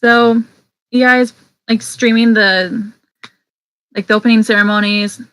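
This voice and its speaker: A woman's voice: on the high side, fairly even intonation, a little slow, fairly bright tone, clean tone, dry recording, poor audio. Chatty young-sounding woman hosting a call. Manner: chatty, teasing, upbeat. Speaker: convention host introducing staff. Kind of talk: casual online call chat. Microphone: video call.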